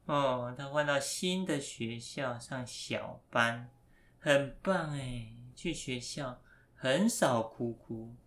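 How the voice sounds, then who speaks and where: Gentle father telling a story. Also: mid-range voice, slow pace. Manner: gentle, patient, coaxing questions. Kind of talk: bedtime storytelling with questions to a child.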